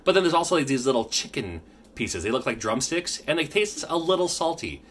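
Bright-voiced chatty dad vlogger. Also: male voice, mid-range voice, very animated, brisk, slight background noise. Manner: chatty, rambling, self-correcting. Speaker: YouTube host. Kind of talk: casual unboxing vlog. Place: home room with his kids.

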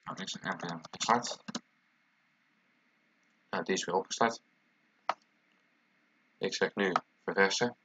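A man's voice: low voice, takes it slowly, long pauses, bright, forceful tone. A man with a congested, stuffy-nosed voice, casually presenting a screencast tutorial as he types. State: congested with a cold, stuffy nose. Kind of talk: casual screencast tutorial, talking while typing. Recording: dull lo-fi mic, clear background noise. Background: keyboard typing and clicking.

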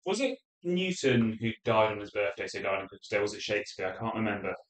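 A man's voice: lowish voice, expressive, quick pace. A man taking part in a casual quiz, hesitant and thinking aloud, often correcting himself. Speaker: quiz contestant. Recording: roomy echo.

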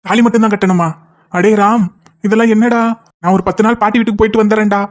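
A man's voice: high-pitched, fairly even intonation, close to an everyday voice. A man voicing an anxious young male friend in a cartoon, fretting and complaining. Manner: fretful, fast complaining. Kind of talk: cartoon voice acting.

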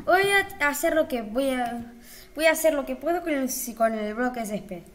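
A woman's voice: sits high, expressive, moderate pace. A young woman, chatting casually as she talks herself through editing block textures, with flustered exclamations. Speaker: YouTuber.

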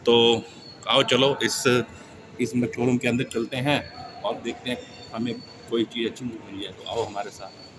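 A man's voice: mid-range voice, level tone, normal speed, background noise. A man casually vlogging while walking through a large sports store, talking to his subscribers. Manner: chatty, addresses subscribers directly. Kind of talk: casual walk-through vlog. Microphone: handheld phone camera.

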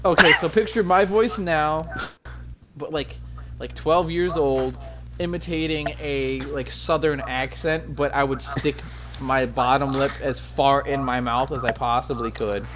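A man's voice: medium pitch, unhurried, a crowd in the background. A man streaming a game, chatting casually and rambling, swearing a lot and mocking himself. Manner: profane, rambling, self-mocking. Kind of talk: casual gaming stream chat. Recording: steady background noise.

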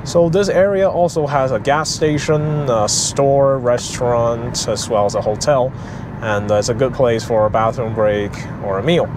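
A man's voice: mid-range voice, normal speed. Man vlogging over road noise. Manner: informal with frequent ums and uhs. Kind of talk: casual explanatory vlog narration. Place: inside a car, then outdoors at a parking lot. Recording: noisy outdoor vehicle ambience.

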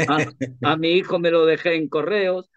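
Man with a higher voice, chatty storyteller. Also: moderate pace, dry recording, lo-fi sound. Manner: animated, rambling, many restarts. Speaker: interview guest, performer. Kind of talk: casual anecdotal storytelling. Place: radio studio.

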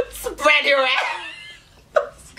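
The recording is very noisy as a young woman reacts to a music video on YouTube from her small bedroom. In her twenties with a slight Nigerian accent, she speaks in a high voice, giggling, exclaiming and laughing a lot.

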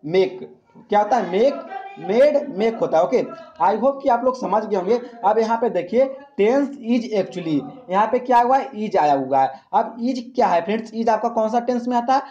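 A man's voice: high voice, expressive, mellow, muffled recording. A man teaching an exam-prep English grammar lesson. He asks the class questions, answers them himself, and keeps calling his listeners friends. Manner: calls listeners "friends" often; reads English example sentences slowly.

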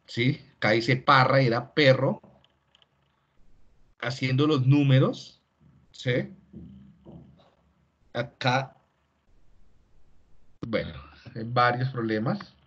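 A man's voice: medium pitch, slow, pauses often, a bit bright. A man giving an online class lecture and explaining step by step, often checking in with "¿sí?". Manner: explanatory, tags many lines with "¿sí?". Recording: dull lo-fi video call audio.

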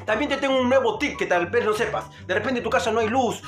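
A man with a Peruvian accent runs his own mock cooking show, tossing out jokes in an exaggerated, playful way. His voice sits high for a man, and faint music plays underneath. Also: fast, fairly bright tone. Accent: Peruvian Spanish. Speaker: comedic vlogger.

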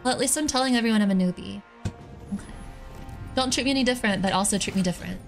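A woman streamer chatting casually while she plays a game, playful, cutesy and quick to apologize. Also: mid-range voice, faint music behind. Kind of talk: casual gaming livestream chat.

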